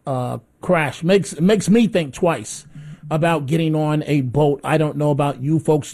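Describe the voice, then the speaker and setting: A man's voice: on the high side, mellow. A man hosting a call-in radio show, giving opinionated commentary and pressing callers impatiently.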